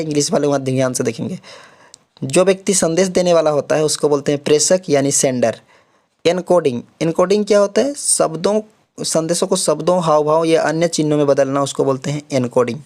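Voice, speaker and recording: A man's voice: on the high side, a little mellow. A young man giving a casual exam-prep lecture, filling his explanations with repeated check-ins and English terms. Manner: repeats "theek hai" often, mixes English terms into Hindi. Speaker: online exam-prep tutor.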